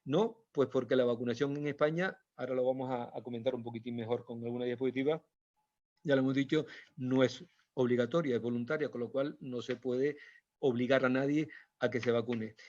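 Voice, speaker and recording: Steady and darkish, with medium pitch and an ordinary pace, this man's voice belongs to a doctor from Spain leading a casual health talk in the Canary Islands. He explains slides patiently, going over points again and pausing hesitantly a lot, and the audio is dull and lo-fi.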